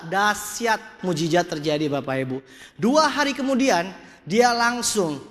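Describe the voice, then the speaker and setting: A man gives a lively motivational seminar talk. He tells stories, acts out dialogue and speaks straight to the audience. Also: high-pitched. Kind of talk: motivational stage talk with storytelling. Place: large event hall. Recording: echoey hall.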